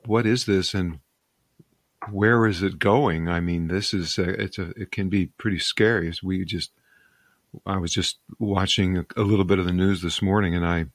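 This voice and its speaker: Male interviewer, slightly low voice, dry recording; conversational, musing delivery with halting, piecemeal phrasing. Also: steady tone, dry recording. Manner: hesitant, musing, broken-up phrasing. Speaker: interviewer, show host.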